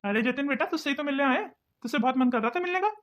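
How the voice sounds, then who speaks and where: A woman's voice: sits high, animated, very fast. A woman voicing a pompous middle-aged uncle in a cartoon, bossy and teasing.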